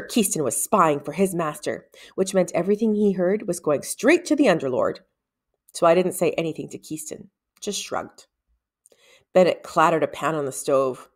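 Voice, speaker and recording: A slightly low-pitched female voice reads a piece of fiction out loud. The phrasing is measured and expressive, in the manner of a storybook reading.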